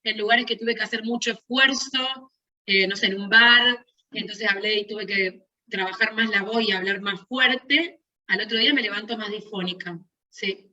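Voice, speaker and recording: A woman's voice: medium pitch, moderate pace, bright, forceful tone. A woman, a doctor taking part in an online class, answering casually and chattily over a video call. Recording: dull, distant video call audio.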